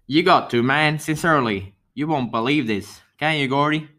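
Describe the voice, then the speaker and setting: A man acting an excitable, naive boy who pleads urgently and repeats himself, in an amateur dramatic read-through. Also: on the high side, normal speed. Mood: eager.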